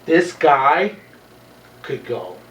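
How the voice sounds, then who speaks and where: A man's voice: a little high, big pitch swings, extremely slow, fairly bright tone. Brash man, echoey distant mic. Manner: brash, mixes in Spanish phrases. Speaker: wrestler and co-host. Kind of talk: boastful wrestling promo chat. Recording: echoey room, distant mic, faint noise.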